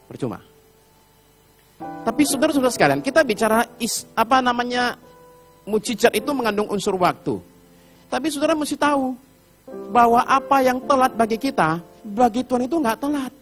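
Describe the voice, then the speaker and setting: A middle-aged man preaching a sermon, telling Bible stories in an animated way and acting out the characters. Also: very high-pitched, a little fast, pauses often, faint music behind. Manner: animated storytelling, acts out Bible characters with shouted pleas. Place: church hall.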